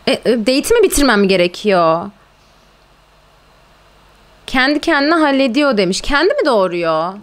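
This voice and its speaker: A woman streamer chatting casually while playing a game, exclaiming and cooing at her pets and talking to viewers. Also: high voice. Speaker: gaming streamer. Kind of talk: casual live-stream gameplay chat.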